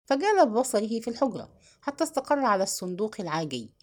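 A woman narrating a historical novel as an audiobook. Her reading is expressive, with pitch that moves in a lively, animated way through each sentence. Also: quick pace.

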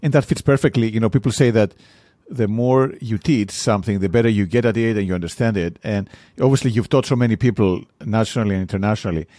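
A man hosting an interview, asking questions in a measured, thoughtful way with pauses. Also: lowish voice, dark tone, no room sound. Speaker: podcast host.

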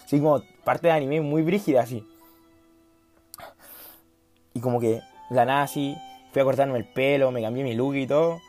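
A man's voice: mid-range voice, steady tone, normal speed, pauses often, darkish tone, faint music behind. A late-teen man with a Chilean accent telling a rambling, self-mocking story in a casual vlog, slangy and acting out the dialogue. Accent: Chilean Spanish. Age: late teens. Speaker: vlogger.

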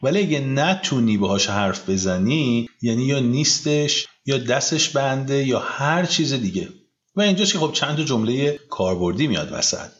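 Male English tutor, animated intonation, slow careful modeling, dull lo-fi recording. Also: mid-range voice. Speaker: English teacher. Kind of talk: bilingual language lesson.

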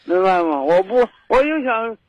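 A man calling an advice show, talking earnestly and haltingly and often asking if he is understood. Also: high-pitched, sing-song, dry recording, muffled recording. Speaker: caller. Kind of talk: call-in advice talk.

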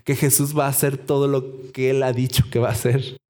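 A man's voice: medium pitch, level tone, fairly quick, a little mellow. A man preaching a sermon, acting out imagined dialogue and asking the congregation questions.

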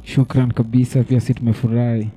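A young man with a Kenyan accent chats as a rap guest. His voice is mid-pitched, very dark and relaxed, with little melodic movement. He leans on street slang. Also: quick pace, faint music behind. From Nairobi, Kenya. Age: young adult. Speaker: rapper, interview guest. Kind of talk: casual chat with heavy slang.

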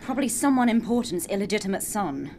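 A woman's voice: mid-range voice, very animated, quick pace, a little mellow, slight background noise. A woman playing an earnest, prim female astronaut who is slightly indignant.

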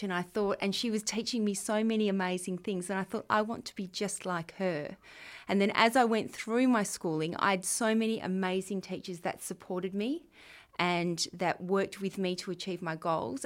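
A Western Australian woman in her forties, head of junior years at a school, answers students' interview questions. Her medium-pitched voice moves at a moderate pace, and she's warm, earnest and chatty, using plenty of fillers.

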